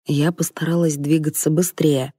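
A woman reading a first-person audiobook story in a measured, wry manner, in a dry studio. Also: low-pitched, level tone, warm tone, breathy edge, no room sound. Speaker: audiobook narrator.

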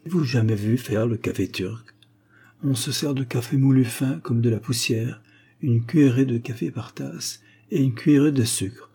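A man's voice: mid-range voice, warm tone, breathy edge. A man voicing a cruel, mocking hunchback who drawls with false friendliness, in a read-aloud story.

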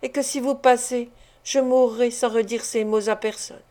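Woman reading pale young guy in love, tender and pleading, soft mellow tone. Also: on the high side, steady tone, moderate pace, natural voice. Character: young man, pale, ardent lover.

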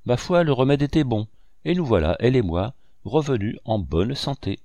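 A man's voice: mid-range voice, lively intonation, normal speed, warm tone, no room sound, clean studio sound, voice pushed up, natural voice. A man voicing a worldly, jovial count who banters and teases in a storybook reading.

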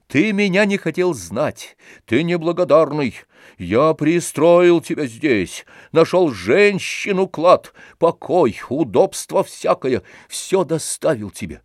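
A man reading an audiobook, voicing a spiteful, coarse middle-aged man who shouts abuse venomously. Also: on the high side, no echo, clean studio sound, voice pushed up.

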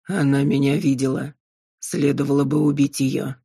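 A woman doing a slow, menacing male demon. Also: rumbling low, creaky, husky, no echo, studio quality, voice pushed down, heavily acted. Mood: coldly menacing. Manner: slow, flat, predatory.

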